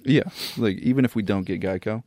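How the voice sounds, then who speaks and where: A man co-hosting a podcast in casual comedic chat, joking and laughing as he pitches absurd ideas. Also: brisk, darkish tone, no room sound, clean studio sound. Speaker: podcast co-host.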